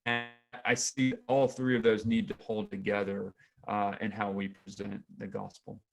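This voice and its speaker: A man's voice: fairly low pitch, level tone, moderate pace, gravelly, rough recording. A man speaking as a guest author on a video call, reflective and searching for words, his voice choppy with word endings clipped off as the connection drops in and out. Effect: choppy internet audio cutting in and out, words clipped off. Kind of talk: interview answer over a video call.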